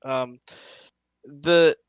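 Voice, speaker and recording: A young man in his twenties, a podcast co-host, telling a story in casual chat, animated and swearing as he acts out quotes. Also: a little high, extremely slow, clean tone, dry recording, lo-fi sound.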